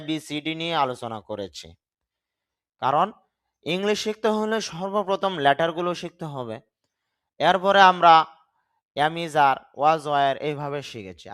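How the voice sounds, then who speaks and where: A man whose first language is Bengali, teaching an English lesson and slowly spelling out words and sounds. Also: a little high, fairly bright tone. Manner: spells out letters and drawn-out pronunciations, stressing syllables.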